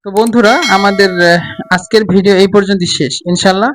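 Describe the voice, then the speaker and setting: A man with a high voice teaches phrases one at a time, repeating each slowly before he explains it with small filler sounds. He sits a little away from the microphone, so his voice sounds slightly distant. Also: fairly even intonation, fairly bright tone, slight background noise. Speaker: Arabic teacher. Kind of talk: spoken language lesson.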